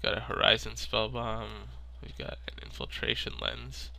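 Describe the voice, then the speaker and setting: A man's voice: lowish voice, big pitch swings, moderate pace, creaky, sharp tone. A man with a sick, stuffy, nasal voice, thinking aloud in casual card-game commentary. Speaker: video maker.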